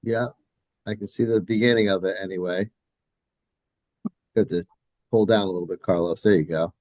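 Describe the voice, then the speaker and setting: An easygoing man with a fairly low voice speaks up informally during an online meeting. He is plainspoken, and the sound is dry with little room around it. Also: fairly even intonation, normal speed, a little mellow, no echo. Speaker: meeting participant. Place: video call.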